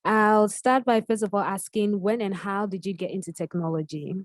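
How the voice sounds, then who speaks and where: A woman's voice: medium pitch, normal speed, dry recording. A woman hosting an interview, reading a formal introduction and then asking questions. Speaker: interviewer and host.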